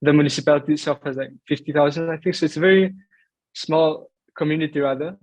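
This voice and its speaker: A man's voice: a little high, steady tone, quick pace, a little mellow, dry recording, rough recording. A young man who grew up in Greece answering interview questions in a thoughtful, hesitant way, with many fillers. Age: young adult. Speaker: footballer guest.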